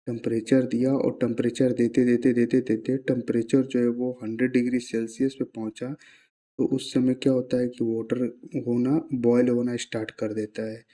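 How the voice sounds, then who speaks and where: Guy teaching science, slow and chatty, keeps asking questions then answering them, warm mellow voice. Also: mid-range voice, level tone. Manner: explains slowly, with rhetorical questions, mixing in English terms. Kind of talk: casual classroom-style explanation.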